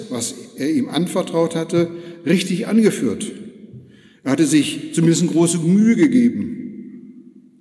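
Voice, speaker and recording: An older retired pastor preaching a sermon, retelling a Bible story in slow, expressive storytelling, in a large church. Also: male voice, a little high. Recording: echoey church hall.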